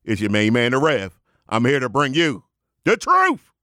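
A man hosting a sports talk show that turns into a sermon, calling himself by a title in the third person and leaping between a low drawl and high, excited bursts. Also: normal speed, no echo, studio quality. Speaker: sports commentator and preacher.

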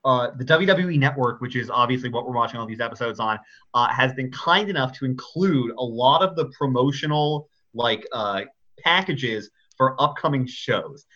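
A man co-hosting a podcast in casual chat, animated, laughing often and swearing casually. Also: mid-range voice, normal speed, muffled recording. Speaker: podcast co-host.

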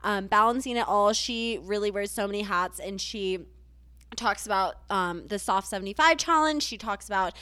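A woman's voice: medium pitch, normal speed, sharp tone, clean tone, dry recording. A young woman co-hosting a podcast, bubbly in casual chat and plugging the show. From southern US. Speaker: podcast co-host.

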